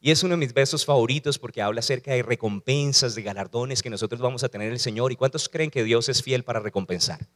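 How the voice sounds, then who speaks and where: A man's voice: medium pitch, quick pace, few pauses, a bit bright. A male pastor preaching a sermon, asking rhetorical questions and calling on the congregation to repeat after him.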